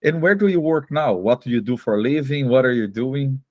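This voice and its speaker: A man's voice: mid-range voice, animated, brisk, dry recording, highs cut off. A man hosting an interview, asking friendly questions with phrasing. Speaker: host.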